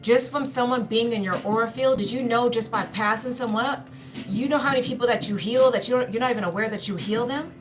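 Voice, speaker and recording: A woman's voice: a little high, quick pace. Earnest woman giving a spiritual talk over music. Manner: earnest, repetitive, often addresses listeners as y'all. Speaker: spiritual speaker. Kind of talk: spiritual pep talk to viewers.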